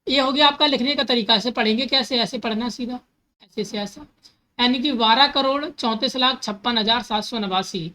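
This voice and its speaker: Woman math teacher, bright and fairly high voice, patient step-by-step explainer who mixes in terms. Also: low-quality recording. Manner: repeats steps and asks herself questions, corrects slips.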